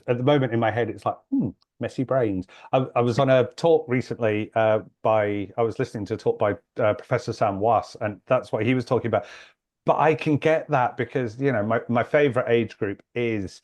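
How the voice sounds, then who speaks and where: A man's voice: fairly low pitch, a little mellow. A man hosting an early years podcast, talking in a chatty way with frequent restarts. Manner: chatty, many restarts and repeated words. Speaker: podcast host. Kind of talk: podcast interview.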